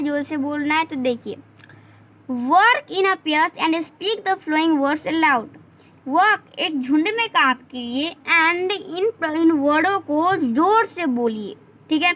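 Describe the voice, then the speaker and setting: A woman teaching English, reading sentences slowly and deliberately, then explaining them. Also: high voice, pushed and bright, poor audio. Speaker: English tutor. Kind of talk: bilingual classroom explanation.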